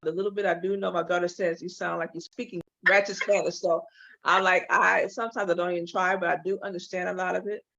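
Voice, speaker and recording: A fast-talking woman with a creaky, lowish voice shares her story openly as a guest in a casual interview. In her forties and from Los Angeles, California, she works as a hair and makeup artist and turns animated now and then. The audio is dull and lo-fi.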